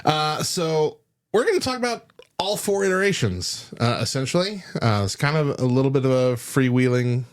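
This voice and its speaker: A man's voice: medium pitch, big pitch swings, normal speed. A man hosting a casual podcast, laughing often and rambling through loose asides. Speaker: podcast host.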